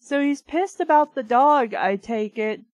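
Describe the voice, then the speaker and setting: Here a female host reviews a children's book by reading it aloud, her voice high, animated, unhurried and slightly mellow, with no room sound. Between passages she tosses in casual, blunt asides, often incredulous and laced with profanity.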